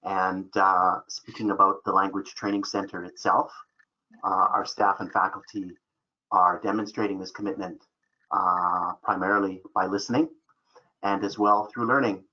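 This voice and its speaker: A man hosting an online webinar as a program manager, speaking in a relaxed way with many fillers. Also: sits low, normal speed. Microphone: video call. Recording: dull lo-fi call audio.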